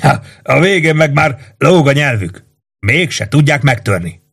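A man's voice: mid-range voice, lively intonation, vocal fry, a bit bright, slightly rough, voice pushed up, exaggerated voice. A man voicing a wiry young male prisoner who whispers conspiratorially, grins and chuckles as he talks. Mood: sly whisper. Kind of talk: audiobook character voice.

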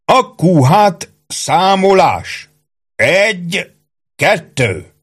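A man's voice: fairly high pitch, lively intonation, pitched above the performer's own voice. A man voicing a bossy, suspicious army sergeant who bellows orders in rustic, slurred speech. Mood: commanding.

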